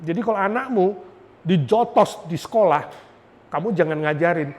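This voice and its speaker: A man preaching a lively sermon as a pastor, often asking the congregation questions and slipping in English phrases. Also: sits high, moderate pace. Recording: long hall reverb.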